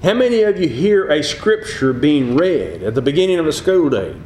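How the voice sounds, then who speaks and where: A man's voice: on the high side, sing-song, normal speed, darkish tone, reverberant, a little hiss or hum, rough recording. A middle-aged man preaching a sermon, rising in emphasis on key phrases. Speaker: pastor.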